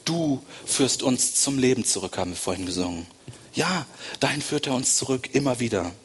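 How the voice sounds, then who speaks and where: A man's voice: mid-range voice, animated, normal speed, slightly rough. A man preaching a sermon to his congregation, speaking directly to them and repeating phrases for emphasis. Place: church service.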